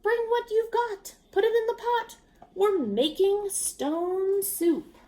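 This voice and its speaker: Woman as storybook traveler, exuberant, showy master cook, high pitch, loud singsong, drawn-out words. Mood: excited. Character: two jolly, showy hungry travelers boasting as master cooks. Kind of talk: children's storybook read-aloud.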